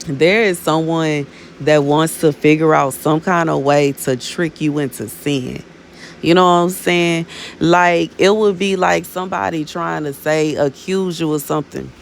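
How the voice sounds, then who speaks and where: A low-pitched woman in her thirties with vocal fry speaks a little slowly and steadily, with slight background noise behind her. As a minister sharing prophetic words, she rambles casually to viewers, often saying "you know what I'm saying" and calling them "baby."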